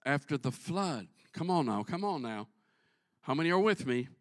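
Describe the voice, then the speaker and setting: Emphatic high-voiced preacher, lively swings. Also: male voice, moderate pace, dry recording, studio quality. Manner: emphatic preaching, builds to shouts, jokes with the congregation. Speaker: pastor. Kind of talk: sermon.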